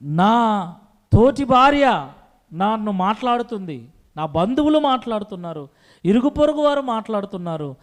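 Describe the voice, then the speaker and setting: A man's voice: sits high, sing-song, normal speed, long pauses. A man voicing a grieving, childless woman who pleads in prayer and repeats her requests. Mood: pleading.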